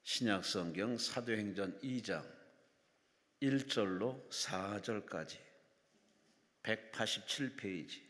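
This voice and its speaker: A man's voice: lowish voice, slow, long pauses, a bit bright. A man leading a church service, formally announcing scripture passages and introducing the preacher. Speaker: service leader. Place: large prayer-retreat hall. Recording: long reverb of a large hall.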